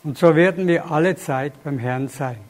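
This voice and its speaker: A man reading Bible verses aloud in a steady, measured way during a teaching. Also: on the high side. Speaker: scripture reader.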